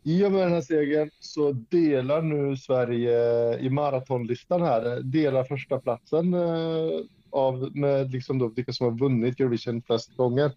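A man's voice: medium pitch, dark tone, dry recording, muffled recording. A man co-hosting a podcast in casual chat, easygoing and agreeable. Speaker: podcast co-host.

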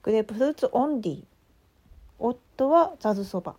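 A woman podcast host with a Tsugaru dialect, telling a story in a casual, animated way with many asides. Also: a little high, fairly quick, breathy edge. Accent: Tsugaru dialect of Japanese. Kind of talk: casual solo audio chat.

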